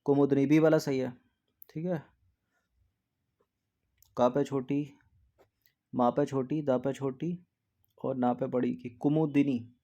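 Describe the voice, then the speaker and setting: During an exam practice lesson, a man repeats words so students can drill the spelling, frequently adding a quiet, low aside once each answer is given. He talks slowly with fairly even intonation and long pauses, on a muffled recording.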